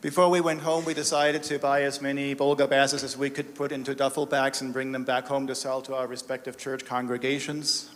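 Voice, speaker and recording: In a reverberant hall, a man who is a director of development gives a heartfelt live testimony with slides, telling stories earnestly and sometimes with emotion. His medium-pitched voice moves little in pitch, runs a little fast, and hardly pauses.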